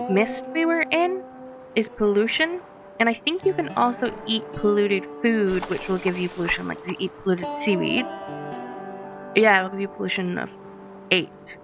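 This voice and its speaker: A woman hosting a let's play, giving casual commentary that is chatty and giggly as she thinks aloud through her game. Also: medium pitch.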